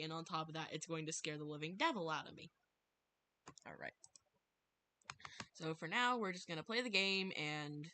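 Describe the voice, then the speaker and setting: A woman with a lowish, sharp-toned voice, recorded with no echo, livestreams a visual novel. She chats casually in a rambling, dramatic way, gets spooked easily, and sometimes reads the story aloud.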